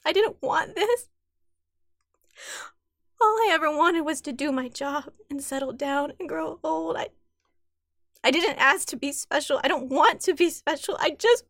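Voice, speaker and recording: A woman's voice: high-pitched, fairly bright tone, no room sound, clean studio sound. An actress playing a shaken young woman who stammers and halts. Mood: distraught. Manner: halting, stammering speech. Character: shaken young woman facing a hard truth.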